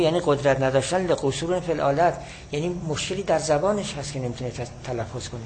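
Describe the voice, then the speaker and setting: A man teaching a class, explaining a classical text in a measured way and repeating his key points. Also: fairly high pitch, slight background noise, low-quality recording.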